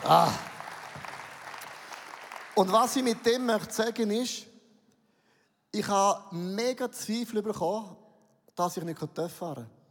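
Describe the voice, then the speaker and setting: A middle-aged pastor with a Swiss German accent tells a funny, self-mocking story in a sermon, acting out the dialogue. His voice sits high for a man. The long reverb of a large hall carries every word. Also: slow pace, long pauses, a faint crowd.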